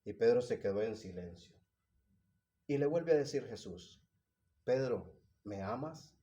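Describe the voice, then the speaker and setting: A man preaching a sermon, swinging from hushed, emotional passages to loud, rising appeals. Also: medium pitch, lively intonation, moderate pace, muffled recording.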